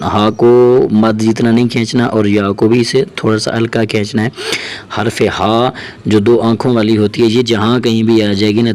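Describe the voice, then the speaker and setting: A man's voice: lowish voice, darkish tone. Patient man teaching Quran letters. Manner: patient, repeats points, drawn-out recited letters. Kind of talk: explaining a lesson.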